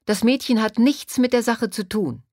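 A woman's voice: mid-range voice, sing-song, slow pace, a little mellow, husky, no room sound, clean studio sound, pitched above the performer's own voice, heavily acted. A woman voicing a defiant, protective teenage boy who speaks insistently.

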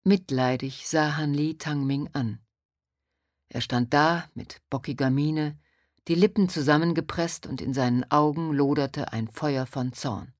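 Low-voiced woman reading a story. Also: unhurried, dry recording, clean studio sound. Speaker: narrator. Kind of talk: audiobook narration.

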